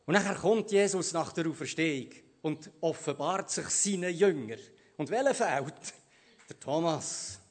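Male preacher, slightly high voice, dramatic swings from loud to hushed, long hall reverb. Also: animated, measured pace. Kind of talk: sermon.

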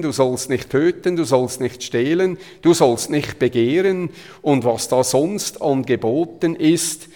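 Retelling Bible passages in a sermon, this Zurich-born man talks conversationally but with emphasis, his Zurich Swiss German accent clear. His voice sits at a medium pitch and sounds a little mellow, and a long hall reverb surrounds it.

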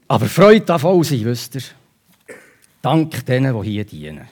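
A man from Switzerland with a Swiss German accent, preaching a sermon in a conversational, lively way. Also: mid-range voice.

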